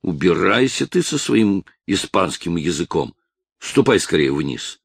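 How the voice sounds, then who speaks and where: A man's voice: deep voice, sing-song, unhurried, creaky, slightly rough, no echo, clean studio sound, heavily acted. A man voicing a harsh old hunchbacked woman who bullies a young girl, in a scolding, commanding manner. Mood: urging.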